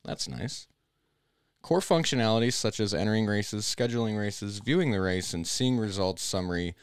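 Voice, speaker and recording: A man's voice: on the low side, expressive, moderate pace, clear, resonant tone, no echo, clean studio sound. A man hosting a casual live-stream chat, reading update notes aloud and joking along the way. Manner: reads notes then jokes and laughs. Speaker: podcast host.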